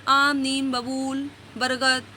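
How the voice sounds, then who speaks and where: High-voiced woman teaching a workbook lesson. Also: flat delivery, slow, sharp tone, slight background noise. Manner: explains each question and reads out answers, asking "है ना?".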